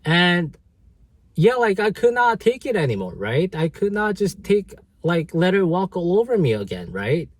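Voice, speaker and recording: Male vlogger, slightly raised pitch, rambling storyteller, dry close sound. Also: very animated, moderate pace, no room sound. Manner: rambling, many fillers and restarts. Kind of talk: casual storytelling vlog.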